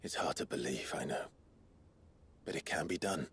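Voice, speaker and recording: A compassionate warrior from a game drama, with a very deep voice. He speaks slowly and solemnly, often hushed and breathy, with a gentle, measured care. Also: lively intonation, full character voice. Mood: grave, reassuring. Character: grave, compassionate male warrior easing a frightened child's burden. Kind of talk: video game drama acting.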